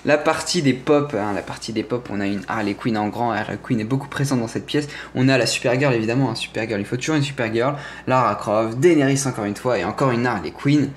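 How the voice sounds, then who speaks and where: This gaming streamer, a young man with a French accent, takes a casual, rambling tour of his gaming room, his medium-pitched voice carrying a little hiss or hum. He hesitates and corrects himself a lot, joking about his collectibles with playful enthusiasm.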